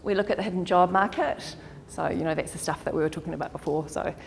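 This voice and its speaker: Speaking at a quick pace with a fairly low, creaky voice, a New Zealand-accented career counsellor presents an informal, chatty workshop to a meeting-hall audience and laughs often. There's slight background noise and a long hall reverb.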